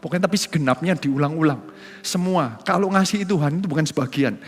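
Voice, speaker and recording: A man's voice: fairly high pitch, fast. A middle-aged male pastor with an Indonesian accent preaching a sermon in a chatty way, often acting out quoted voices. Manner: conversational, acts out quoted voices, repeats words. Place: large church hall. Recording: live church hall with long reverb.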